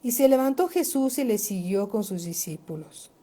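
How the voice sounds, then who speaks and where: An older woman pastor preaching a sermon in a deliberate way, rising for emphasis and often checking that her listeners follow. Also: medium pitch, expressive, dark tone. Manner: slow, deliberate preaching with emphatic rises and frequent checks for agreement.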